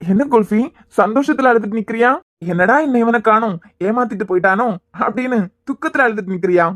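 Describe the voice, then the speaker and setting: A woman's voice: on the high side, quick pace, dry recording, clean studio sound, natural voice. A woman voicing a teasing, protective young male groom in a cartoon, with a Kanyakumari Tamil accent.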